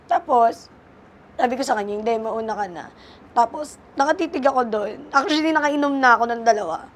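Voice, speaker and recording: Young woman guest talking earnest, a bit high, faint noise behind. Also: a little fast. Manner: earnest, mixing English into Tagalog. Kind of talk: emotional interview talk.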